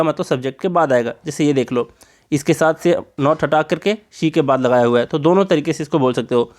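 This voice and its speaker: A man's voice: on the high side, darkish tone. Chatty Indian man teaching English grammar. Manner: chatty and direct, reads English example sentences slowly and deliberately. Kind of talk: casual Hindi-medium grammar lesson.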